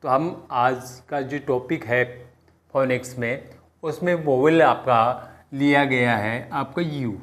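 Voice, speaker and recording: A man with an Indian accent teaching a phonics class, switching between halting English and Hindi with frequent pauses and fillers. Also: medium pitch, fairly bright tone. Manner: slow, deliberate, with many pauses and fillers.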